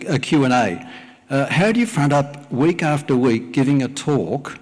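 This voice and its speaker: A middle-aged Welshman, a native Welsh speaker with a medium-pitched voice, preaches a sermon and prays during a church service. He speaks plainly, often pausing with "uh," and the recording has a long hall reverb.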